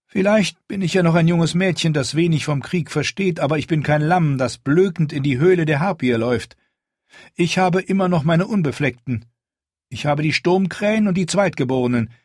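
A man reading a proud, commanding young queen in an audiobook, raising his voice high and firm. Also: moderate pace, a little mellow, husky, no room sound, clean studio sound. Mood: defiant. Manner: firm, defiant, raised pitch.

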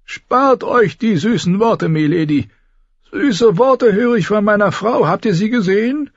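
A cackling, shrill ancient lord. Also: male voice, animated, measured pace, no room sound, highs cut off, heavily acted. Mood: mocking. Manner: sneering, taunting, boastful. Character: scheming ancient male lord, spiteful and mocking. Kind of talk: audiobook character voice.

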